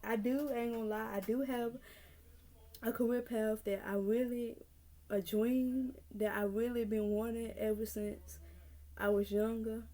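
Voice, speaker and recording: Young woman, 19, mellow warm voice, earnest, repeats herself, casual vlog to camera. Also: on the high side, little pitch movement, a little slow. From North Carolina. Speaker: vlogger. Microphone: camera mic.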